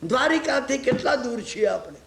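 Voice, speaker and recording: A bewildered sage from a spoken religious tale cries out for answers, as a man puts him on in his lecture. The voice sits very high with a gravelly edge. It rings in an echoey hall. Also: very animated, fairly quick, heavily acted. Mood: urgent pleading.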